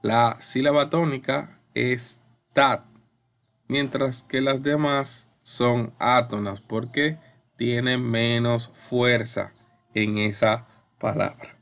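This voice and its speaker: A man's voice: mid-range voice, fairly even intonation, slow pace, creaky, a bit bright. A male teacher explaining a spelling lesson patiently, asking questions and repeating the main points. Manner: patient, repeats key points, asks questions and answers them. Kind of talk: slow classroom explanation.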